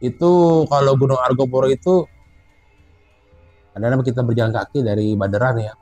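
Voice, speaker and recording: A man casually telling a true story from a mountain hike, growing animated and high as it gets tense. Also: a little fast, no echo, faint music behind. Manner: animated, rising pitch when excited, Jakarta slang. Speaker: storyteller guest.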